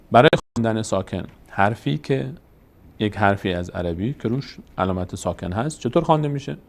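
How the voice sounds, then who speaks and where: Patient male Quran reading teacher. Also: on the low side. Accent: Tajik Persian. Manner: patient, explanatory, often asking and answering his own questions. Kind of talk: step-by-step lesson on Quranic signs.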